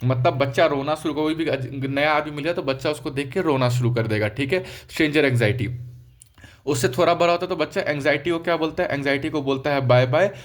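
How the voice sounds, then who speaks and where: A man's voice: a little high, quick pace. A young man giving a casual lesson, talking straight to his students and checking in often with "okay". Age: young adult. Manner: conversational, repeats "ठीक है" often, addresses students directly. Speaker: medical lecturer. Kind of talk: explaining lesson, casual teaching.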